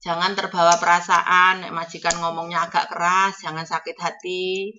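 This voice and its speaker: A woman's voice: lowish voice, little pitch movement, normal speed, pushed and bright, highs cut off, slight background noise. A woman from Java with a Javanese accent, giving chatty, coaching advice to domestic workers heading abroad and slipping into Javanese phrases. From Java, Indonesia. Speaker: agent advising domestic workers going abroad. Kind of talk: casual advice talk.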